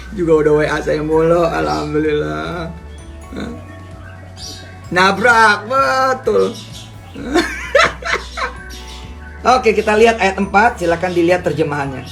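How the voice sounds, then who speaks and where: Nasal, lively preacher man. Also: on the high side, unhurried, creaky, pauses often, faint music behind. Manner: lively, jokey, asks the audience questions. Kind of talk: casual Islamic teaching talk.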